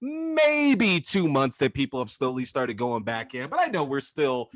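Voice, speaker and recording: A man in his thirties hosts a podcast in a loose, casual chat, swearing freely and peppering his talk with "like" and "man." His mid-range voice is sing-song, a little slow and fairly bright, recorded in studio quality with no room sound.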